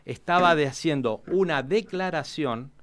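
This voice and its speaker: A man, a historian guest in a radio interview, telling history in an animated way with many restarts. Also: fairly high pitch, unhurried.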